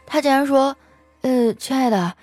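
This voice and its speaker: A woman voicing a sharp-tongued young female coworker who teases and complains in a high, bright voice. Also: moderate pace, soft background music, close to an everyday voice. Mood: aggrieved.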